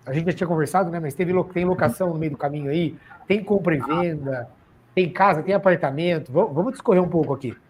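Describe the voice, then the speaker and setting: A man hosting an interview with an energetic, chatty and joking manner, welcoming and thanking his guest. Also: on the high side, fast talker, slight background noise. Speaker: interview host and auction course teacher.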